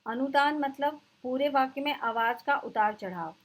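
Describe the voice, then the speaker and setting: Husky-voiced woman teaching a lecture. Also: high-pitched, rough recording. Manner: explanatory, repeats terms slowly for students. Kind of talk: exam-prep lecture.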